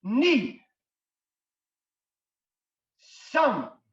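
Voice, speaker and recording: A man's voice: extremely high pitch, wildly swooping pitch, extremely slow. A man with a Québécois French accent teaching a karate class, calling counts in Japanese and explaining between drills. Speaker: karate instructor. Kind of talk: shouted martial arts class instruction. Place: large dojo hall. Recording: echoey hall, from far off, dull.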